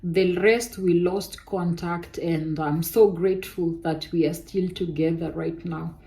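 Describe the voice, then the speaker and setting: A Kenyan vlogger with a soft, lowish voice tells viewers a personal story slowly and casually. Her testimony is animated, sprinkled with Kenyan interjections like "eh" and "kai."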